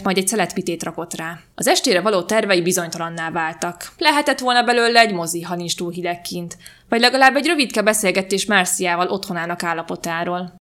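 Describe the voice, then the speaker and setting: A woman podcast host reading a short story aloud in a calm, even storytelling manner. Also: fairly low pitch. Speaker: podcast reader.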